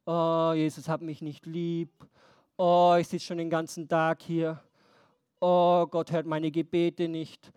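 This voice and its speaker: A woman voicing a desperate blind male beggar from a Bible story for children, shouting pleas and whining in self-pity. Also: deep voice, flat delivery, slow, clean tone, no echo, pitched below the performer's own voice.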